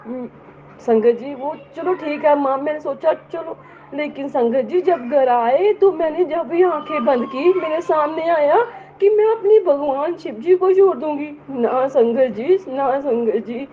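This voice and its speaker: A woman's voice: high voice, unhurried. A middle-aged woman giving an earnest personal testimony to a congregation, often addressing her listeners directly. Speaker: devotee sharing a testimony. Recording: tinny phone-like audio, faint hiss.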